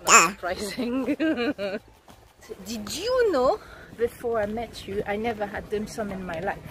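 A woman's voice: mid-range voice, animated, takes it slowly. A woman in her thirties co-hosting a vlog, chatting playfully and laughing often while walking outdoors in a park, filmed on a phone at arm's length. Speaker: vlog co-host. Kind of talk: casual chat.

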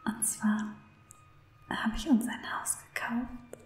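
A woman, playing an infatuated stalker for ASMR, tenderly coos to her captive in a breathy, unhurried whisper held close to the microphone. She pitches fairly high with fairly even intonation, the room is echoey, and she sounds excited and adoring.

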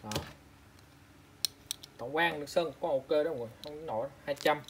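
Casting: man from Vietnam, slightly high voice, chatty seller talking to viewers, faint room noise behind. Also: moderate pace. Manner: chatty, repeats prices and specs, calls out to viewers. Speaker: online seller of used eyeglasses. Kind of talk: casual product showcase.

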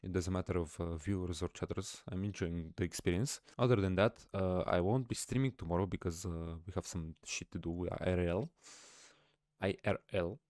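Deep-voiced young man, casual vlog. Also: brisk, few pauses, a little mellow, no echo, studio quality. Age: young adult. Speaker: streamer and vlogger. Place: small home room, indoors. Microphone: close studio mic on a boom arm.

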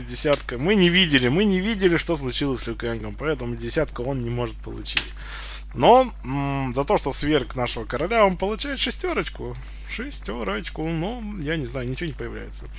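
A man's voice: fairly high pitch, very animated, fairly quick, background noise. A man giving casual, rambling live commentary on fighting-game matches, often repeating his phrases. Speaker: gameplay commentator. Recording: game music behind. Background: fighting game music.

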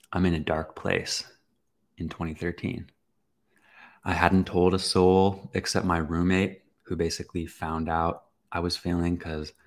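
A young man hosting a podcast, telling a personal story in a casual, animated way, with swearing and acted-out reactions. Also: low-pitched. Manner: animated, swearing, acts out his own reactions. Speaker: podcast host.

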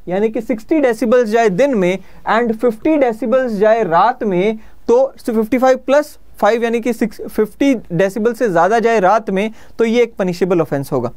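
Speaking at a moderate pace with few pauses, a man in his thirties has a very high-pitched, slightly mellow voice and an Indian accent. In an indoor studio facing a presentation screen, he lectures conversationally in Hindi and English, exam-prep style, frequently rephrasing.

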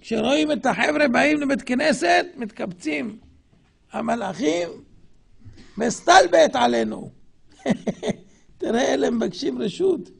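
A man giving a religious lecture as a rabbi, fiery and mocking, firing rhetorical questions and swinging between loud outbursts and low murmurs. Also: expressive, gravelly, husky.

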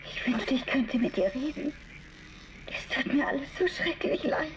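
High-voiced distraught woman, noisy message. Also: moderate pace. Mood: sorrowful, shaken. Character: distraught woman in a recorded farewell video message. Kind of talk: dramatic game voice acting. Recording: noisy, crackling distant video message.

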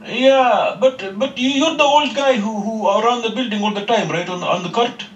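A man's voice: high-pitched, moderate pace, pitched above the performer's own voice, close to an everyday voice. A man playing a polite, worried foreign husband on a prank call, with hesitant, awkward phrasing. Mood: insistent. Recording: roomy, distant phone-call playback.

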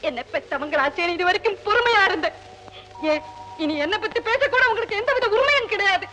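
A woman's voice: very high voice, expressive, brisk, sharp tone, soft background music, heavily acted. A woman playing a married daughter who pleads tearfully with her father, then proudly cuts ties, in 1960s Tamil film acting. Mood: defiant.

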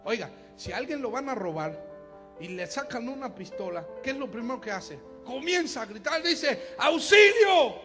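A man preaching an impassioned sermon at a live church gathering. He moves from quiet talk to shouted exhortation. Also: very high-pitched, expressive, normal speed, over music.

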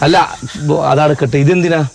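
Fast-talking Kozhikode man, calm mediator. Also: on the high side, gravelly, slight background noise. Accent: Kozhikode Malayalam. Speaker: local mediator settling a neighbour dispute. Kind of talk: Malabar village comedy serial acting.

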